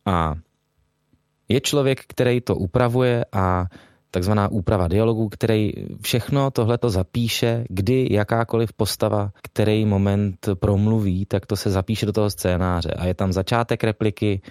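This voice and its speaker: A man's voice: lowish voice, fairly even intonation, darkish tone, no echo, clean studio sound. A man, a voice actor being interviewed, speaking hesitantly with many fillers and restarts. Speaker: voice actor guest. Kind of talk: interview chat.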